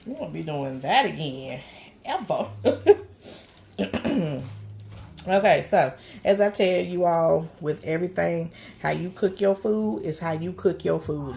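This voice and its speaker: A woman's voice: sits low, vocal fry. A middle-aged woman, chatting folksily through a casual cooking vlog in her home kitchen and calling viewers honey and child. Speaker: cooking vlogger. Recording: noisy room with chopping and clicks.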